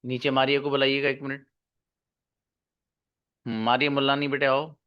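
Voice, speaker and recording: A man teaching pronunciation in an online class, drawing out and repeating each sound slowly. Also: mid-range voice, little pitch movement, smooth, muffled recording. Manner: slow, drawn-out demonstration of sounds, repeating each. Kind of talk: pronunciation lesson in Hindi and English.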